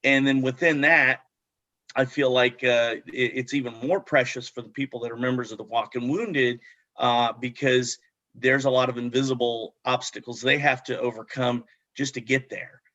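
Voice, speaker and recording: A man's voice: medium pitch, steady tone, normal speed, sharp tone. A man answering a panel question thoughtfully and earnestly, with frequent fillers. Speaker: club founder. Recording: muffled dry online audio.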